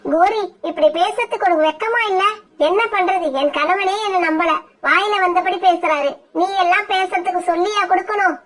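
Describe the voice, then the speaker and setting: A woman voicing a gentle mother sparrow in a cartoon, pleading and tearful. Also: extremely high pitch, moderate pace. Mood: indignant. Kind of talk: cartoon voice acting.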